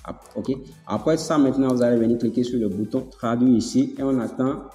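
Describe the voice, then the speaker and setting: A man hosting a casual software tutorial, talking it through step by step, repeating himself and checking in with his listeners. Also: mid-range voice, a little fast. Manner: chatty, filler-heavy explaining. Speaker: tutorial host. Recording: echoey room, long reverb, faint music.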